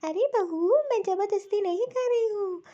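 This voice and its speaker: Woman playing a fussy caring cartoon aunty, super high mellow voice, lo-fi. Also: moderate pace. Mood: coaxing. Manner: warm, coaxing, fussing over the girl. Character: kind motherly middle-aged neighbour aunt. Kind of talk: cartoon voice acting.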